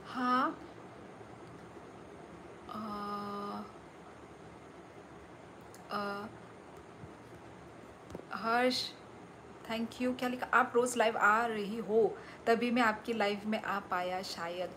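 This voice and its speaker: A woman hosting a live stream, talking slowly and unhurriedly as she answers her viewers. She reads out their messages and breaks into exclamations. A faint hiss of noise sits underneath. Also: mid-range voice, fairly even intonation. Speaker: livestream host.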